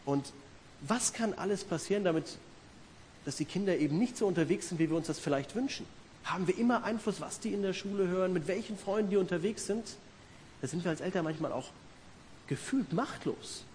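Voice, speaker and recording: Earnest middle-aged preacher in a hall. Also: male voice, high voice, animated, brisk, a little mellow. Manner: earnest, conversational, rhetorical questions to the listeners. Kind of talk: sermon. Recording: reverberant hall with faint hiss.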